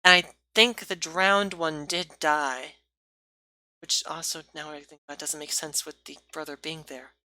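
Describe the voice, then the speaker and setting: Bright-voiced woman rambling through a movie review. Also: deep voice, steady tone, measured pace. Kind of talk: casual movie review chat.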